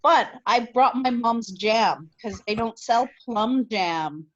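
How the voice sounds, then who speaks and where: A woman's voice: a little high, takes it slowly, dull audio. A woman playing her character at a tabletop game, cheerful and chatty. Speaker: player voicing Bruce.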